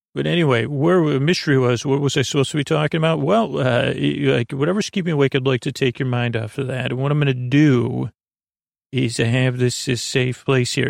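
A man with a very creaky, gravelly, medium-pitched voice hosts a bedtime podcast, recorded very dry with no room sound. He rambles softly from tangent to tangent in a halting, soothing, gently whimsical monologue, full of fillers and pondering pauses.

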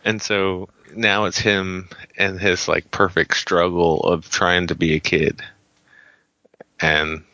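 A man's voice: low voice, flat delivery, slow, pushed and bright, no room sound, muffled recording. A man co-hosting a comic book podcast in a laid-back, casual chat, murmuring agreement often. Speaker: podcast co-host.

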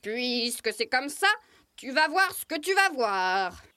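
A woman's voice: a little high, sing-song, takes it slowly, sharp tone, no echo, exaggerated voice. A woman voicing a proud, stubborn and bossy male rooster in a children's storybook recording. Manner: pompous, commanding. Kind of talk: storybook acting.

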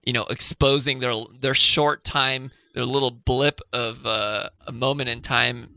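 A man's voice: mid-range voice, level tone, a little slow, creaky, bright, forceful tone, no echo. A man chatting casually as a podcast guest, rambling and swearing, trailing off and restarting his sentences. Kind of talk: casual chat.

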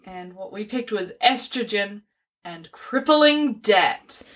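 A woman's voice: mid-range voice, expressive, slow pace, fairly bright tone. A woman co-hosting a casual comedic chat, trading teasing, dry banter. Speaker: co-host.

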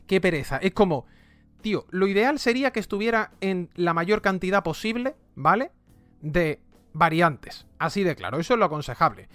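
A man's voice: high-pitched, animated, moderate pace, fairly bright tone, no echo, faint music behind. A man with a light Andalusian accent, chatting animatedly as a podcast co-host and laughing often. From Andalusia, Spain. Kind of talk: casual gaming chat.

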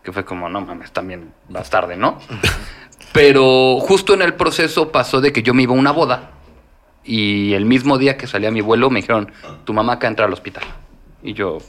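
A man with a Mexican accent speaking casually and reflectively, pausing often with hesitant fillers. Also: medium pitch, fairly bright tone. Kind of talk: casual chat.

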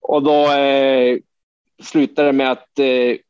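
A man's voice: mid-range voice, flat delivery, a little mellow, smooth, no room sound, highs cut off. A man from Sweden, a hockey player guest, telling a long anecdote in a loose, rambling way with lots of fillers and casual swearing.

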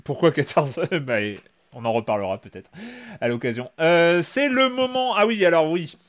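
A man's voice: a little high, lively intonation, moderate pace. A man hosting a casual chat about video games, speaking hesitantly with many fillers. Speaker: podcast host.

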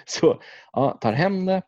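A man's voice: fairly high pitch, a little mellow, no echo, highs cut off. A man chatting casually, rambling through stories with lots of fillers, restarts and swearing. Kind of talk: casual chat about video games.

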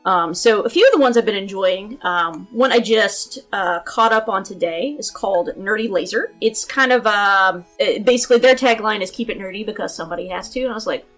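A woman's voice: medium pitch, a little fast, few pauses, a bit bright, soft background music. A woman from Tennessee with a Southern Tennessee accent, chatting casually on a podcast in a rambling, self-interrupting way. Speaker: podcast guest or panelist.

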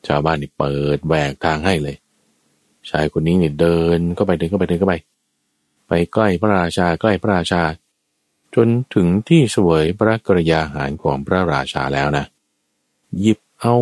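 A man preaching a Buddhist sermon as a lively story, addressing his listeners and acting out the characters. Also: dry recording. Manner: lively storyteller, acts out quoted characters with sudden high shouts. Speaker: dharma preacher.

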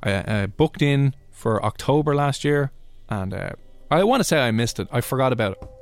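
An Irish man hosts a casual radio show with a mid-pitched voice. He rambles and doubles back on himself, recorded close and dry in a studio. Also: animated, moderate pace, no echo, faint music behind. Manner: rambling, self-interrupting. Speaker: radio host. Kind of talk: casual live radio chat.

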